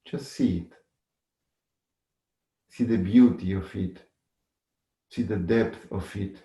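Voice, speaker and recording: Slow, low-voiced man guiding a meditation. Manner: measured, instructive, with long pauses and gentle repetition. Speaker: meditation teacher. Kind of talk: guided meditation. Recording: echoey room.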